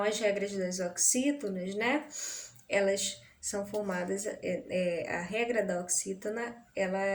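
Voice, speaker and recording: A woman's voice: medium pitch, slight background noise. A woman teacher with a Brazilian accent explaining grammar in a remote lesson, patient and checking in with frequent tag questions. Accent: Brazilian Portuguese.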